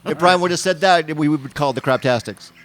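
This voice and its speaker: A man's voice: a little high, a little fast, fairly bright tone. Easygoing man telling band stories. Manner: easygoing, storytelling. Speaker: podcast guest, drummer. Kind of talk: casual chat. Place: recording studio.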